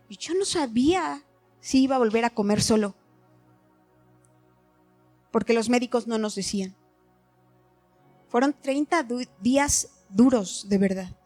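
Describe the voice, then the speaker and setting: Woman, middle-aged, heartfelt personal testimony, higher voice, faint music underneath. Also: a little mellow. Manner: earnest, heartfelt storytelling. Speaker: church member giving testimony.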